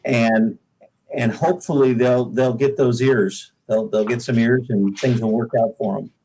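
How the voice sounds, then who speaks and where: A singer-songwriter from the U.S. Pacific Northwest recounts stories during an interview in a laid-back, folksy, modest style. His mid-range voice is warm and unhurried with fairly even intonation, on a rough recording with slight background noise.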